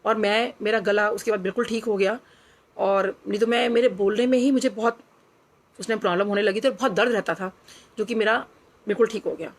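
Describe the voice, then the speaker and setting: A woman's voice: mid-range voice, steady tone, brisk. A middle-aged woman, earnestly sharing a personal devotional story and slipping English phrases into her speech. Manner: earnest, reflective, drops into quoted dialogue, mixes in English phrases.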